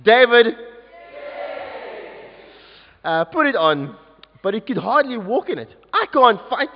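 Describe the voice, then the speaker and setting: Lively man leading a story in church. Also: very high-pitched, takes it slowly. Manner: animated, coaxing audience participation. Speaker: youth leader telling a story at a service. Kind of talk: interactive children's storytelling. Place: large church. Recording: dull echoey church recording.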